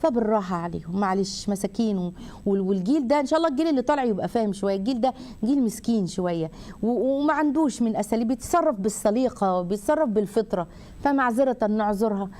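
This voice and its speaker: Fast-talking Egyptian woman giving advice. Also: mid-range voice. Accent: Egyptian Arabic. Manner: rapid, affectionate, animated, acts out dialogues. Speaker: religious advice show host. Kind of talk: call-in religious counseling.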